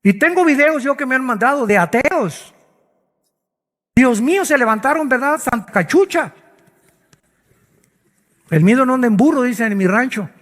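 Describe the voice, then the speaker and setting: A man's voice: very high voice, animated, moderate pace, long pauses, a bit bright, in a large hall. A male pastor preaching a dramatic sermon full of rhetorical questions.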